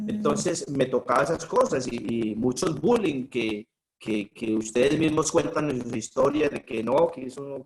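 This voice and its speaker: A man's voice: medium pitch, rough recording. A middle-aged man, a spiritual teacher telling personal stories in a conversational way, often checking in with a questioning "sí". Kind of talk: personal storytelling talk.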